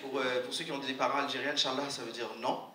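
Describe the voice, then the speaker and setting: A man from Algeria performing a stand-up comedy set at a live gala, playful and slipping into quick parody voices. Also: medium pitch, little pitch movement. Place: live gala hall with audience. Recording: roomy hall, distant mic, loud noise. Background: audience laughter and ambience.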